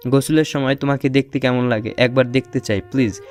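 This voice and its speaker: A man's voice: mid-range voice, fairly even intonation, brisk, soft background music. A young man narrating an audio romance story in first person, playful and teasing. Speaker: narrator and lead voice actor.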